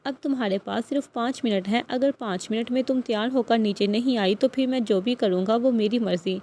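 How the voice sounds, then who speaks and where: A woman's voice: a little high, mellow, natural voice. A woman reading the lines of a domineering young husband in an audiobook novel, with a commanding, threatening tone. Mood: stern.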